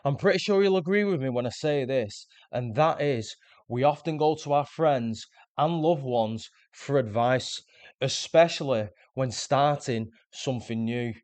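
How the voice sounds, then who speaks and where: A man's voice: medium pitch, unhurried, a little mellow, no echo. Earnest man explaining self-improvement. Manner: earnest, explanatory, repeats words when restarting. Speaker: self-improvement video host. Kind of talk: scripted motivational monologue.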